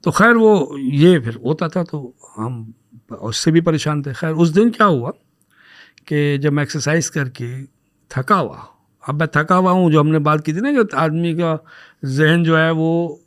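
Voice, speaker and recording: Man, high-pitched voice, casual podcast storytelling, anecdotal, acts out dialogue, mixes in english words. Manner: animated, acts out dialogue when retelling. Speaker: podcast guest telling his story.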